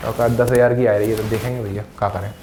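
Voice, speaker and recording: A man's voice: lowish voice, level tone, quick pace, a little mellow, slight background noise. A man teaching English vocabulary in a Hindi-accented voice, repeating each word several times in front of a classroom board. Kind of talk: vocabulary lesson to camera.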